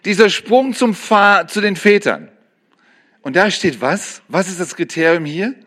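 A man preaching with a bright, ringing voice that rises high and drops to near-whispers. He is animated, swinging between loud emphasis and quiet, personal confiding. His pitch sits a bit above the usual for men. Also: a little slow. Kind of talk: sermon.

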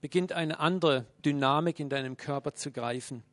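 A man preaching a sermon, speaking earnestly and directly to his listeners, swinging between loud and hushed. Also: fairly high pitch, moderate pace, no echo.

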